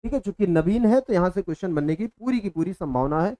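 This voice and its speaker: A man's voice: high voice, expressive, fast talker, warm tone. A man teaching a live online exam-prep class in a casual, repetitive way, calling students "beta" and "bhai" and answering viewers' chat messages.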